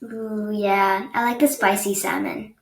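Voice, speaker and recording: A young woman hosts a podcast interview over a video call from her bedroom, chatty yet a little hesitant and full of ums. Her medium-pitched voice is steady, measured and creaky, with a crowd audible in the background. The laptop mic picks up an echoey room and faint noise.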